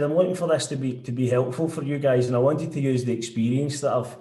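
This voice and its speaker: A mellow-voiced man with a broad Scottish accent from Glasgow presents informally to an online audience. His tone is soft-edged and mid-pitched, and the room echoes around him. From Scotland. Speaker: guest speaker, sales director.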